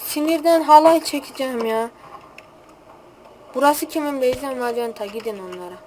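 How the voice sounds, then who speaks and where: A teenage girl hosting a gaming channel, giving excitable, hot-tempered gameplay commentary full of trash talk. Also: high voice, normal speed, slight background noise.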